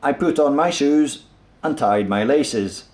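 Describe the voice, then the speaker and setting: A man teaching English, slowly narrating everyday actions in a clear, deliberate way. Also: mid-range voice, animated, darkish tone, reverberant, a little hiss or hum. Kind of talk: slow, simple narration of daily actions.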